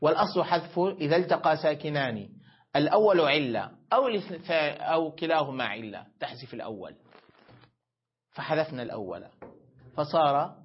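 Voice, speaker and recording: A man teaching a grammar lesson, asking questions and answering them himself, stretching words out slowly as he explains each form. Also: on the high side, lively intonation, slightly rough. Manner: explains step by step, asks and answers own questions; stretches words slowly when spelling out forms. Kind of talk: classroom lesson. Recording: dull lo-fi lecture recording.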